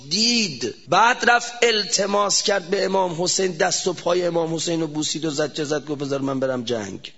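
A man's voice: high-pitched, creaky, bright, forceful tone, highs cut off. A man preaching an impassioned religious sermon, firing rhetorical questions and shifting his pace sharply.

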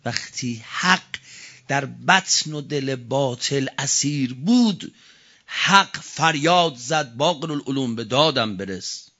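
A man's voice: mid-range voice, lively intonation. Male cleric preacher, fiery sermon, dull lo-fi sound. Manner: fiery oratory, swinging from quiet to shouting; chants Arabic quotations slowly. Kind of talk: religious sermon.

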